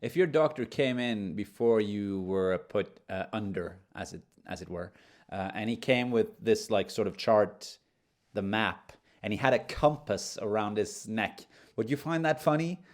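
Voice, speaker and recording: A man's voice: on the low side, measured pace. Teasing male podcast co-host. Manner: dry, teasing wordplay and puns. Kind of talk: casual chat.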